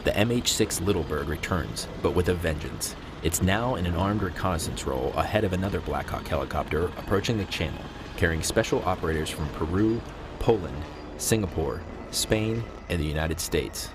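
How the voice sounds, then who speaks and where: A man reading scripted documentary narration in a measured, formal way. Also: sits low, animated. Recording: loud vehicle and outdoor noise behind.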